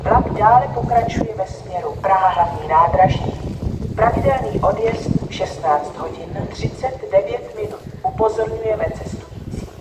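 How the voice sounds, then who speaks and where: A woman making a formal, scripted railway station announcement over platform loudspeakers. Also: mid-range voice. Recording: echoey station hall, far, very noisy.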